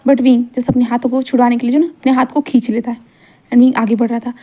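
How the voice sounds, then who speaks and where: A woman's voice: on the high side, little pitch movement, fast, warm tone. A woman retelling a fan fiction story in a rambling way, repeating linking phrases.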